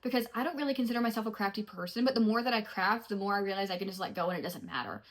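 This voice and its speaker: A woman's voice: mid-range voice, very fast. A young woman talking casually in a vlog, chatty and playful. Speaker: vlogger.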